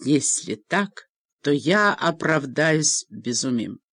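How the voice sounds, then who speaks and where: Audiobook: gently ironic middle-aged priest, read by a woman, lively pitch. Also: takes it slowly, dry recording, studio quality, heavily acted. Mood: gentle. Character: kindly teasing middle-aged male priest.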